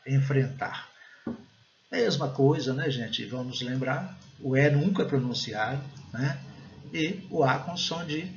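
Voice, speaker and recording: A Brazilian man with a Brazilian Portuguese accent teaches English pronunciation online at a mid-range pitch. He walks through each word step by step, slowing down to model the English phrases. The recording is a little dull, with faint hiss underneath. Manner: explains step by step, often adds "né?" and "gente".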